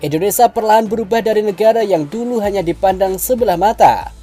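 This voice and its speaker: A woman's voice: medium pitch, fast talker, warm tone, faint music behind. A woman reading scripted documentary-style narration.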